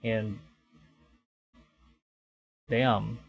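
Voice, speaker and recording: A Filipino VTuber livestream host speaks in a lowish, gravelly voice with flat delivery and drawn-out words, recorded in lo-fi. Chatting casually over background music, he speaks hesitantly and keeps repeating and rephrasing his phrases.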